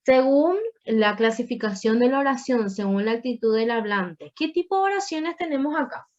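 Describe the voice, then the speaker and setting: A woman's voice: a little high, animated, normal speed, a little mellow, highs cut off. A woman teaching a Spanish grammar class online, explaining patiently with playful asides to her students.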